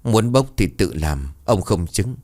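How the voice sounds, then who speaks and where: Guy reading as stern old ritual master, low voice, clipped warnings. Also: very animated, a little slow, darkish tone, heavily acted. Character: older man, a stern ritual master who warns.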